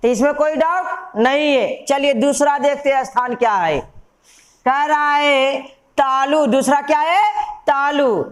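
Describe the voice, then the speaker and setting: Woman teacher, high voice, slow and patient classroom delivery, quizzes the class on each term. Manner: repeats key terms as questions to students. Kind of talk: Hindi grammar lesson.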